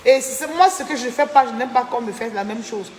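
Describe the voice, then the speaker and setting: Speaking a little fast in a fairly high, slightly mellow voice, a weary woman thanks her live-stream viewers by name and airs her indignation over a falling-out. Her casual, chatty talk echoes around the room with a long reverb tail, and there's faint background noise.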